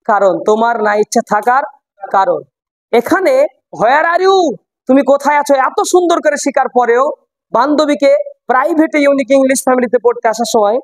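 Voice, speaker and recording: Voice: medium pitch, no room sound, rough recording. An English teacher runs a classroom lesson, repeating phrases and quizzing the students. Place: classroom with a board.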